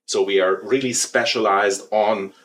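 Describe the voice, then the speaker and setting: A man from Germany with a German accent, a company president talking casually in an interview, relaxed and halting with many fillers. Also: lowish voice.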